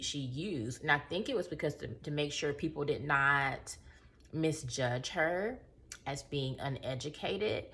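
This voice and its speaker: A woman's voice: very deep voice, vocal fry, a bit bright. A woman in her thirties telling a story and reviewing a book in casual, conversational chat, with emphatic asides.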